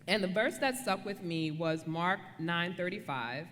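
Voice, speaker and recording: A woman's voice: on the low side, unhurried, fairly bright tone. A woman giving a casual devotional talk on marriage as co-speaker, conversational and playful, often checking for agreement. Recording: reverberant room.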